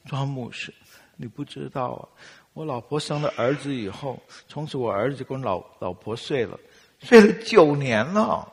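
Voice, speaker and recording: A man's voice: mid-range voice, animated, normal speed, breathy edge, in a large hall. A man voicing a grumbling husband who has been sent to sleep on the couch, complaining near tears. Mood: aggrieved.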